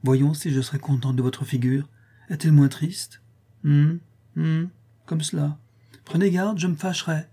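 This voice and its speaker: A man's voice: a little high, fairly even intonation, breathy edge, pitched above the performer's own voice. A man voicing a playful, teasing young working girl who scolds her friend fondly. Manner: playful, scolding, bright and quick. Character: lively teasing young woman, a grisette.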